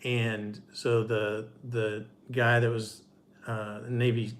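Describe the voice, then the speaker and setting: A middle-aged man co-hosting a livestream, telling a story casually in short, halting pieces. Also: fairly low pitch, little pitch movement, a little hiss or hum. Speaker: livestream co-host.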